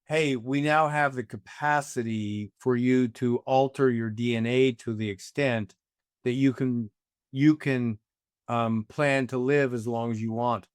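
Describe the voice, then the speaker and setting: An older man in his sixties talks through big ideas in a relaxed, musing way, now and then dropping a casual curse. His voice sits at an ordinary middle pitch. The sound is dry and close, with no room around it. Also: a little slow, clean tone, no echo. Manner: reflective, musing, casually profane. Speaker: guest. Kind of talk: casual conversation.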